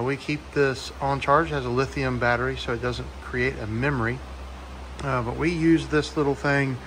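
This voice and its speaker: A man in his forties giving a relaxed, plainspoken tool review to the camera inside a wooden horse barn, with lots of fillers. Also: medium pitch, a little hiss or hum. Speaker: farm owner reviewing a tool. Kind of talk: casual talk to camera.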